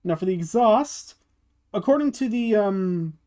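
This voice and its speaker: A man's voice: high voice, lively intonation, measured pace, darkish tone. A man hosting his gaming channel, talking through a car build in a casual tutorial voice-over, often stopping to restart and repeat words.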